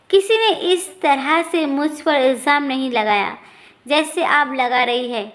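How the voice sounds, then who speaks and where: A woman voicing a sleazy, smooth-talking male village tailor who wheedles and then defends himself. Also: high-pitched, a bit bright.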